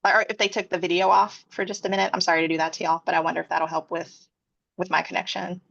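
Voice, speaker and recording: A woman talks haltingly over a video call, leaning on fillers as her line drops in and out. Her voice has a gravelly edge, and the bad connection makes the audio muffled and lo-fi. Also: lowish voice, level tone, a bit bright. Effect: voice breaking up over a bad internet connection. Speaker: workshop leader. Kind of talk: casual talk on a video call.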